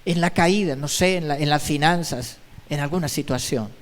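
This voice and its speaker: A man's voice: a little high, moderate pace, big-room sound. A male pastor giving an emphatic sermon, repeating his exhortations. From Colombia. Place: church.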